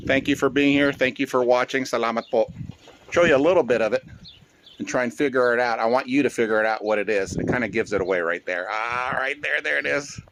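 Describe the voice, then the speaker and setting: With a mid-range voice, this man in his forties from the Philippines hosts a cooking vlog outdoors on a windy front patio, easygoing and talkative. Tagalog phrases and frequent "uh" fillers run through his speech. The phone-and-Bluetooth-earbuds recording is noisy, catching wind and a wok sizzling as he stirs.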